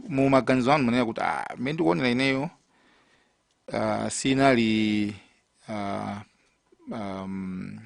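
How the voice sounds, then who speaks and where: Gravelly Malawian man, dry close sound. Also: fairly low pitch, no room sound. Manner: hesitant, deliberate. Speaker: parliamentary committee member. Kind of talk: formal questioning at a hearing.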